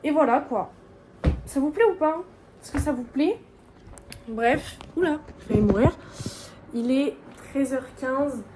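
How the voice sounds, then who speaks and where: Taking it slowly and pausing often, a young woman with a high-pitched voice vlogs casually at home as she gets ready. Her talk is rambling, slangy, and self-mocking. She's far from the mic in an echoey room, with faint noise in the background.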